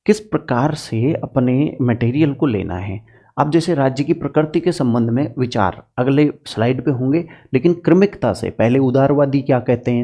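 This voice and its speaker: A man's voice: mid-range voice, dark tone. A man teaching political science exam strategy in an earnest, direct lecture, using homely farm examples to make his points.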